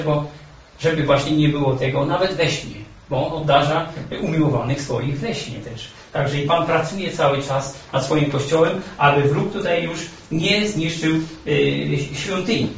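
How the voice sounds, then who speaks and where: A man preaching a sermon in a halting way, with many fillers and restarts. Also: on the high side, slight background noise. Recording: echoey, dull, from far off.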